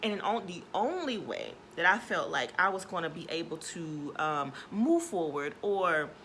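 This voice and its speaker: A woman's voice: on the low side, animated, measured pace, fairly bright tone, a little hiss or hum. A woman giving an earnest, casual motivational talk on a live stream. She often asks viewers "right?" and greets them by name between points. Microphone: phone or webcam for a social media live video.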